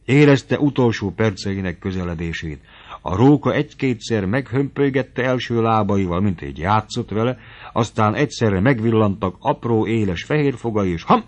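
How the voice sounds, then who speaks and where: A man narrating a classic novel as an audiobook, with expressive, dramatic storytelling. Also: on the low side. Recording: muffled lo-fi recording.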